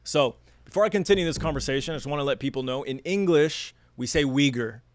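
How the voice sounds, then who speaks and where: A man hosting a podcast, speaking in a measured, earnest way, introducing his guest and asking questions. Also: on the high side, dry recording. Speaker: podcast host. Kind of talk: podcast interview, read-out intro. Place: studio.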